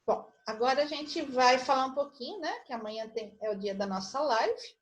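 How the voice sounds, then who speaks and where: Speaking at a normal pace with a high-sitting, animated voice, this middle-aged woman teaches children online. She is a primary school teacher with a Brazilian Portuguese accent who works through syllables and clues patiently, one step at a time.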